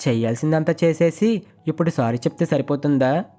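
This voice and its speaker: A woman's voice: deep voice, brisk, mellow, natural voice. A man narrating a storybook and reading the lines of a bold, scheming young married woman who talks in a teasing, coaxing way.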